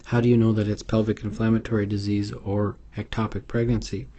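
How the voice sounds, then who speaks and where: A man's voice: on the low side, little pitch movement, a little fast, mellow. A man giving an unscripted medical exam tutorial over slides, hesitant and full of fillers and restarts. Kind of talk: unscripted instructional lecture.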